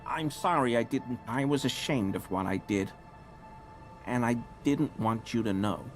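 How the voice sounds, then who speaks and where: A man's voice: medium pitch, measured pace, close to an everyday voice. A man voicing a sheepish, guilt-ridden assistant. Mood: ashamed. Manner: apologetic, sheepish. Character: ashamed, nervous young male assistant. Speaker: game character. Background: game music.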